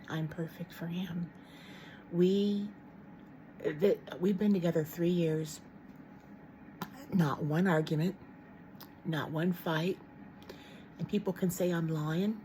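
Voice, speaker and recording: Rambling middle-aged woman with a mellow low voice. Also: a little hiss or hum. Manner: rambling and frank, many ums and restarts. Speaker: vlogger. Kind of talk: casual chat to camera.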